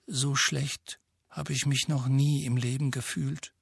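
A miserable teenage boy who mumbles with a dull, flat spirit, read by a male storyteller in a slightly raised voice. The sound is close and dry, with no room sound. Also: a little high, measured pace, no echo, voice pushed up. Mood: glum.

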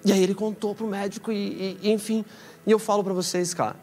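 A young man from Brazil with a Brazilian Portuguese accent, preaching and telling a story in a casual, slangy way with excited rising bursts. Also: high-pitched, a little fast, soft background music. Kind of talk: sermon storytelling. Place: church hall.

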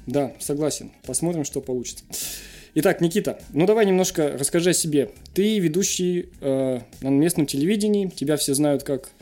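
A man's voice: a little high, fairly quick, mellow, faint music behind. A man hosting a casual interview show, joking and self-deprecating, who burrs his r sounds.

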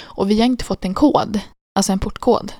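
A woman's voice: fairly even intonation, mellow, no echo, studio quality. A woman in casual podcast chat, telling a story animatedly and acting out her own panic. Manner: acts out her own panic in high squeaky bursts.

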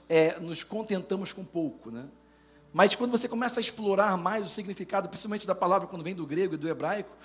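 A man preaching a sermon, firing rhetorical questions at the congregation and rising to emphatic declarations. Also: on the high side.

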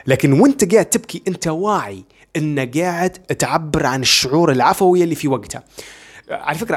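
A man with a Libyan Arabic accent, hosting a self-development podcast and explaining ideas in rapid, repetitive lists. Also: a little high. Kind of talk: motivational talk.

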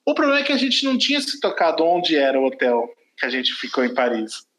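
Brazilian guy w a pretty high voice, rambly casual podcast storytelling, keeps restarting sentences. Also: wildly swooping pitch, fast, a bit bright, reverberant, a little hiss or hum, low-quality recording. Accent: Brazilian Portuguese. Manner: rambling, self-correcting, laughs at own story. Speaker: podcast host.

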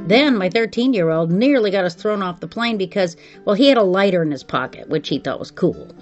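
A woman's voice: mid-range voice, animated, fairly quick, highs cut off, music in the background. A middle-aged woman hosting a podcast, telling a scripted personal story. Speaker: podcast host.

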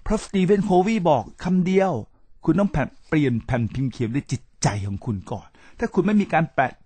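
A man's voice: fairly high pitch, a little mellow, breathy edge, dry recording. Thai male host giving a preachy talk. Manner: preachy, repeats address to listeners, spells out English terms. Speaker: podcast host. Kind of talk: lecturing monologue to listeners.

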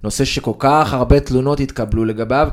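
A man, a sports journalist co-hosting a casual podcast, talking in a digressive way with many fillers. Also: medium pitch. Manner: conversational, digressive, with frequent fillers.

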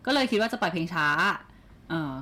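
A young woman chats as a guest on a casual podcast and talks at a brisk clip. She is polite and easygoing, and she laughs often as she tells stories about making her music. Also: on the low side, expressive, fairly bright tone. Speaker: guest singer.

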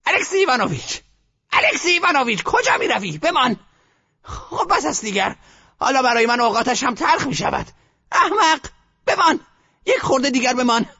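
A man voicing an imperious, frantic old grandmother gambler who shouts commands. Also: very high-pitched, big pitch swings, breathy edge, lo-fi sound, voice pushed up, exaggerated voice. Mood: bossy.

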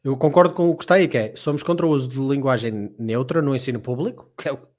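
Fast-talking Portuguese man, emphatic. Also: mid-range voice, a little mellow. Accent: European Portuguese. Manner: emphatic, opinionated commentary. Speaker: co-host. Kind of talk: casual live discussion.

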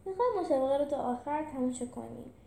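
A woman plays a breezy, carefree young female animal with a very high, bouncy voice. Her pitch leaps up and down, heard in an echoey room. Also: animated, gravelly, warm tone, slight background noise. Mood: puzzled.

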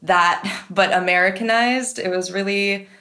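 A woman's voice: medium pitch, measured pace. A young adult woman from the United States, a guest in a conversation, talking loosely and full of "like" and "um". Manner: relaxed, filler-heavy, lots of "like". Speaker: guest, music supervisor. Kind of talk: casual conversation.

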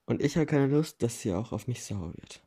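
A man's voice: medium pitch, expressive, normal speed, dark tone, husky. A man reading the lines of a blunt, cool teenage girl in a curt, dismissive way, close to his own voice.

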